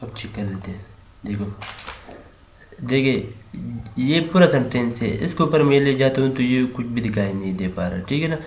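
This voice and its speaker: A man's voice: mid-range voice, lively intonation, normal speed. A man with a Pakistani Urdu accent teaching a screen-recorded coding lesson, explaining steadily and often adding a "theek hai na" check. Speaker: programming tutor. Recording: echoey room with faint hiss. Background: keyboard typing and mouse clicks.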